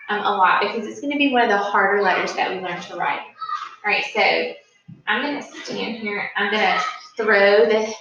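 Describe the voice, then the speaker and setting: A woman's voice: on the high side, background noise. A woman teacher giving an informal, instructional video lesson to young children. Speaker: early-grade teacher. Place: indoor room at a smartboard. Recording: very echoey room, slightly distant mic.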